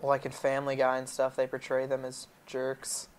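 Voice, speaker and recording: A man's voice: mid-range voice, moderate pace. A young man of eighteen, a college freshman answering interview questions casually and saying "like" often. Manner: flat, casual, with frequent "like".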